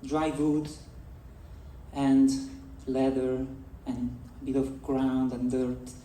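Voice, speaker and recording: A man's voice: mid-range voice, little pitch movement, takes it slowly, warm tone. A man from Italy with an Italian accent, giving a storytelling keynote talk on a festival stage and addressing the audience directly. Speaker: conference speaker. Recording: echoey hall, voice from far off.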